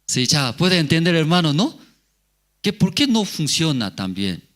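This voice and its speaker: Male pastor, sermon delivery; slow, repetitive, questioning, slightly high voice. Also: sing-song, a bit bright. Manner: slow, questioning, repeats key words. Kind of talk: sermon with rhetorical questions to the congregation.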